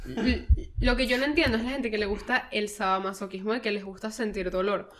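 A woman's voice: mid-range voice, fairly even intonation, brisk. A woman with a Venezuelan accent, a podcast co-host talking frankly and laughing often in casual chat. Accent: Venezuelan Spanish.

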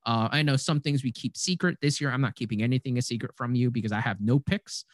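A young man in casual sports chat, animated and ranty, swearing freely as he gets fired up. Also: mid-range voice, quick pace, no room sound, studio quality. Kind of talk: casual fantasy football chat.

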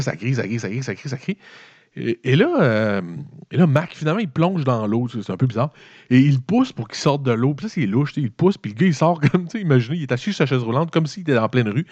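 A man's voice: mid-range voice, no echo. A man with a Québécois accent, recapping a movie in a rambling, swearing, comedic way. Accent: Québécois French. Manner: swearing, animated, colloquial storytelling. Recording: dull, lo-fi dry recording.

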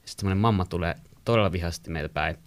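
A young man from Finland casually telling a long story to friends, rambling with many fillers and getting animated when he quotes people. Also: sits low, no echo.

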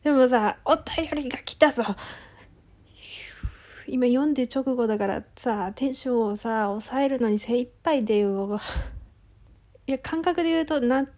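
A young woman hosting a casual solo audio talk, excitable and flustered, apologizing and laughing at herself as she talks in blunt, boyish casual speech. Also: a little high, moderate pace. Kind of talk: casual solo chat, reading a listener letter.

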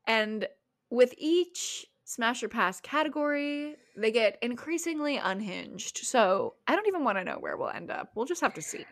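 A young woman co-hosting a casual podcast, telling stories in an animated, giggly way on a close mic. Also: a little high, moderate pace. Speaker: podcast co-host. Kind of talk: casual chat.

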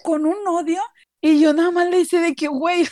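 Young Mexican woman, high voice, dry sound, lively crude chatter. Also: normal speed, dry recording. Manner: lively, laughing, crude slang. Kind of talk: casual chat.

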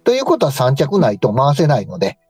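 A man's voice: mid-range voice, huge pitch swings, fast, a little mellow, breathy edge, no echo, soft background music. A man with a Kansai Japanese accent giving a polite, informal explanatory talk as a radio co-host and stylist. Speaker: co-host, stylist and tailor shop manager.

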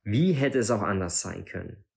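A man reading an audiobook voices a cold, menacing woman who leads a band of thieves, speaking with sharp contempt. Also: fairly low pitch, lively intonation, normal speed, vocal fry, slightly rough, exaggerated voice. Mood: cold scorn. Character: cold, menacing female thief leader.

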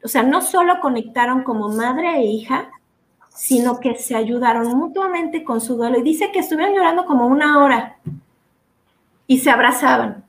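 A woman's voice: high voice, lively intonation, normal speed, slight background noise. A woman with a Mexican Spanish accent, a psychologist guest recounting a case in casual interview chat, with many fillers.

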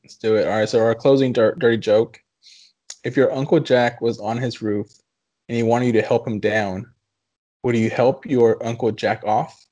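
A man hosting a casual podcast chat at an even, middle pitch. He sounds laid-back as he steers the talk and signs off, and the recording is close and dry with no room sound. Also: normal speed, no echo. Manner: relaxed, wraps up the show. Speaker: podcast host.

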